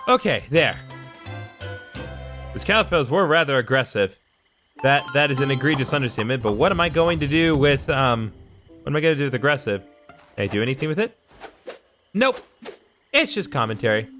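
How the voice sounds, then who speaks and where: A man's voice: medium pitch, expressive, normal speed, long pauses, fairly bright tone, faint music behind. A young man giving chatty, playful let's play commentary on a game. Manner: chatty, self-deprecating, playful. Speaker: gamer.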